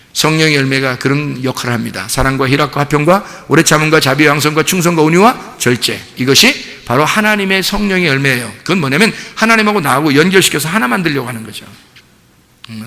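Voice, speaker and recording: A male pastor preaches in a church sanctuary, his voice gravelly and sharply forceful, a little higher than most men. The sound rings with the long reverb of a large hall. He talks to the congregation in an animated, conversational way and acts out short scenes. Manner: animated preaching, acting out a parent and child with laughs. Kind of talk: sermon.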